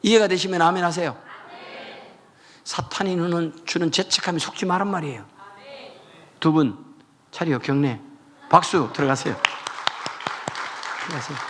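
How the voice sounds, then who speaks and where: A man preaching a revival sermon, telling the story with animated voices. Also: on the high side, moderate pace, pauses often, a faint crowd. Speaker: pastor.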